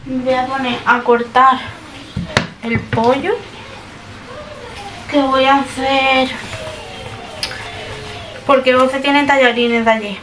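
A young family vlogger with a fairly high voice chats to the camera in a rambling way while narrating her chores. She's in a small kitchen at home, and there's background noise.

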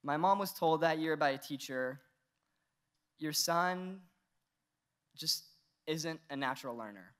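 Speaking a little slowly and pausing often, the teenage valedictorian from Iran addresses his graduation from a podium mic on a large indoor stage. The sound is clean, his voice slightly high and bright, and his earnestness is lightened by jokes and laughs.

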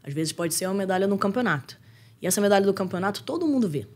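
Fast-talking husky Brazilian woman. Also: medium pitch. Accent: Brazilian Portuguese. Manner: animated storyteller acting out quoted voices. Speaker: guest, jiu-jitsu champion and school owner. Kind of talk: conversational interview.

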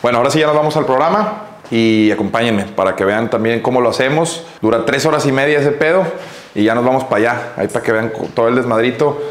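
A man hosting his own vlog in casual chat, relaxed and joking, talking at home and later from a car. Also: medium pitch, quick pace, echoey room. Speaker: vlog host.

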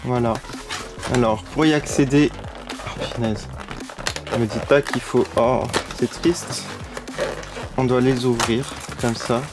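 Guy unboxing dolls and going wow at everything, mid pitch, music playing behind. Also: fairly even intonation, slow pace, long pauses. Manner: gushing, frequent delighted exclamations. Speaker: toy unboxing vlogger. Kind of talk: casual unboxing commentary. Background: background music.

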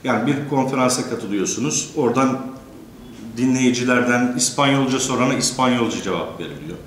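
A man of middle pitch lectures in an echoey room, with faint hum behind him. He talks hesitantly, with many drawn-out fillers. He keeps a polite tone toward the teachers listening. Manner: courteous, addresses teachers in the audience. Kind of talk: academic lecture.

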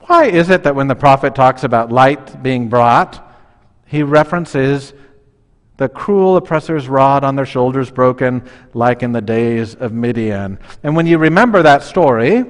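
Joking pastor in a reverberant church. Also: male voice, mid-range voice. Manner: conversational and humorous, acting out voices, gesturing. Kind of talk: sermon. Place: large church sanctuary, standing at the altar.

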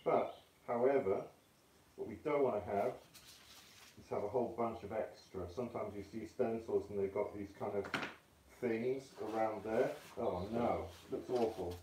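A man teaching a casual art tutorial indoors, talking in a relaxed, offhand, self-deprecating way through a respirator mask that muffles his voice. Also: fairly low pitch, normal speed, slight background noise. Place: indoor studio room. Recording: roomy, mic at a distance.

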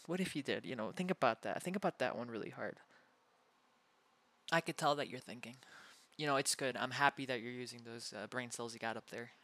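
A man's voice: mid-range voice, brisk, bright, forceful tone, lightly acted. A man voicing an evasive, playful femboy prankster in an ASMR role-play, stammering and repeating himself as he protests. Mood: cheeky.

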